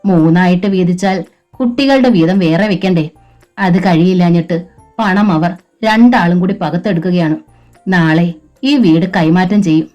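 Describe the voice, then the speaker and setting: A woman voicing a sorrowful, blunt older grandmother in an audio novel, with a measured, matter-of-fact delivery. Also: fairly low pitch, a little mellow, highs cut off, faint music behind, natural voice.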